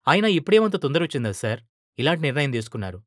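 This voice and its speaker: A man's voice: a little high, big pitch swings, rapid-fire, no echo, studio quality. A man voicing monstrous, clawed male reporters who plead and reproach in a fable-like audio story.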